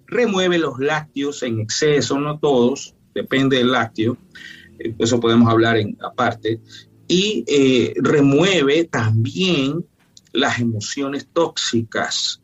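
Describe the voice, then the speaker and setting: Husky-voiced male doctor explaining firmly. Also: mid-range voice, a bit bright, dull audio. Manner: emphatic, didactic, lists points firmly. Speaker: functional medicine doctor. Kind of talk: explanatory interview talk.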